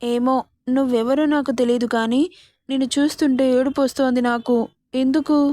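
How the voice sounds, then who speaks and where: A woman's voice: high voice, steady tone, moderate pace, dark tone, no echo, studio quality, close to an everyday voice. A woman voicing a naive, heartbroken young female student in a spoken story, pleading. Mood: childlike. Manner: pleading, later childlike.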